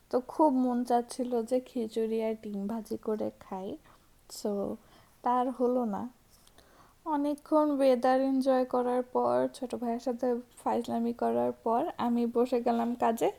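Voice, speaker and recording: A young woman narrates her vlog in a laid-back voice-over, with English words mixed into her speech. Her voice has a gravelly, fry-touched texture. Its tone is dark and mellow, and it sits a little high. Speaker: vlogger.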